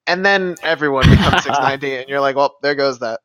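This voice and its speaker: A man's voice: medium pitch, fast, fairly bright tone, clear, resonant tone, no echo. A man chatting casually about a video game, laughing often, rambling and correcting himself. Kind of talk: casual gaming chat. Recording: slightly muffled dry mic.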